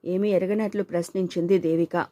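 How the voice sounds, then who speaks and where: Mellow-voiced woman reading a story. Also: fairly low pitch, steady tone, fairly quick, no echo, studio quality. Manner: reads all characters, male and female, in her own voice. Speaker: audiobook narrator. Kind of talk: storytelling narration with dialogue voices.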